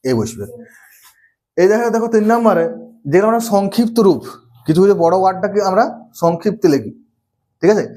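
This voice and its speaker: Grammar teacher, male, high voice, drills rules with questions he answers himself. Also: animated, fast talker, pauses often, warm tone, faint music behind. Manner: asks the class questions and answers them himself, repeats key rules. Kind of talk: classroom-style lesson.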